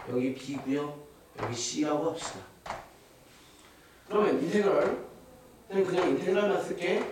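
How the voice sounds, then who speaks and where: A man teaching a math class, quizzing his students and answering his own questions. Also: a little high. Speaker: math tutor. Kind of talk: classroom lecture. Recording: echoey classroom, distant mic, hiss.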